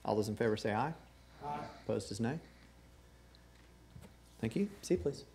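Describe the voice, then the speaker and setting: A man chairing a council meeting with measured, orderly, formal procedure. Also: mid-range voice, expressive, a little mellow. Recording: noisy room ambience.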